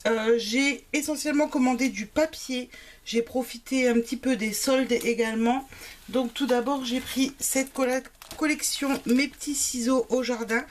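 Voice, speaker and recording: A woman's voice: high voice, fairly even intonation, normal speed, slight background noise. A woman chatting casually through a craft shopping haul, with frequent fillers. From Italian family background. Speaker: craft vlogger. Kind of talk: casual product haul chat.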